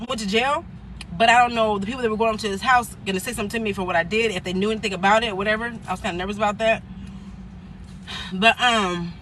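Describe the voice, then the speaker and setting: A woman's voice: mid-range voice, bright, forceful tone, slight background noise. A woman vlogger telling a personal story in a casual, rambling way, acting out the people she quotes. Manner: loose, rambling retelling with restarts and laughs, acting out quotes. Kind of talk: casual storytelling while eating.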